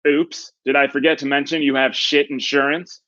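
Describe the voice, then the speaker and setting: A man playing a smug, theatrical TV game show host with a booming prize-announcer delivery and drawn-out build-ups. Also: little pitch movement, bright, forceful tone, dull audio, lightly acted.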